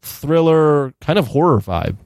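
An American man co-hosting a podcast, talking in a halting, hesitant way with restarts. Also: a little high, animated, a little mellow, no room sound, studio quality. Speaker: podcast co-host. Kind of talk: casual chat.

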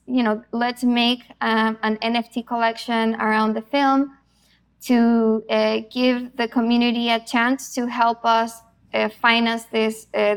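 Smooth-voiced Chilean-born woman, fairly high. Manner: fluent and explanatory, with frequent fillers. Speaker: author and executive producer. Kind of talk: interview answer.

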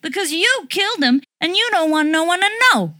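A woman's voice: very high-pitched, expressive, brisk, bright, forceful tone, dry recording, clean studio sound, full character voice. Woman voicing a timid dim young sidekick guy. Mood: accusing. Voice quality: hesitant, mumbling "uh". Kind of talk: audiobook dialogue.

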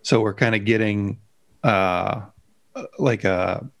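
A man with a lowish voice, co-hosting a casual comic book discussion. He slips dry, deadpan jokes into the conversation. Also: slow pace, creaky. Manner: dry, joking asides. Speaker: podcast co-host.

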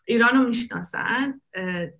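A woman's voice: fairly high pitch, gravelly, a bit bright. A woman from Iran, a guest living in England, chatting casually, laughing often and mimicking the people she quotes. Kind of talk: casual chat.

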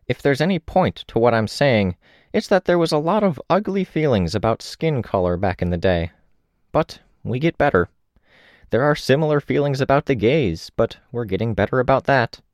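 A man's voice: medium pitch, lively intonation, normal speed, dry recording, studio quality, voice pushed up, close to an everyday voice. A man voicing an earnest, chatty old woman on a train who rambles and confides.

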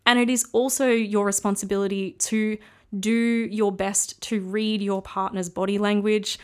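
A woman's voice: mid-range voice, little pitch movement, measured pace, darkish tone. A woman hosting a solo podcast, talking casually and frankly as she gives earnest advice. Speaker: podcast host.

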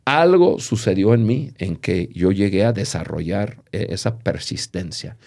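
A man, a podcast guest, telling a childhood story in conversation, animated and full of restarts. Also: fairly low pitch, measured pace. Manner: animated, lively, with many restarts.

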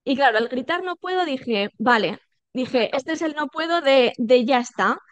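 A woman, telling her birth story as a podcast guest, animated and acting out quoted dialogue with many fillers. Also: high-pitched, measured pace, dry recording. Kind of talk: personal birth story told in conversation.

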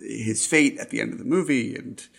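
A man's voice: mid-range voice, moderate pace, creaky, a bit bright. A man co-hosting a film podcast, talking thoughtfully with many hesitations and fillers. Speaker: film critic podcast co-host. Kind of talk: casual film discussion.

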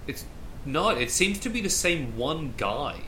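A man's voice: a little high, sing-song, a little slow, a crowd in the background. A man playing a baffled caller on a video call, mumbling complaints about a new app in an improvised comedy sketch.

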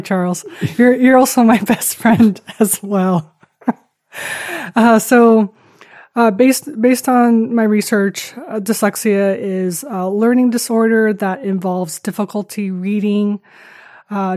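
A woman talks as a podcast guest in a mid-pitched voice. She is candid and conversational, picking her way through thoughts with a hesitant, self-deprecating manner. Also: warm tone, no echo, studio quality. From Taiwan.

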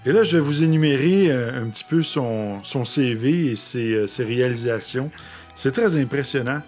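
A man co-hosting a radio chat, calmly reading out a guest's background. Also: medium pitch, normal speed, soft background music. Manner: calm, reads a guest's CV carefully. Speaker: co-host.

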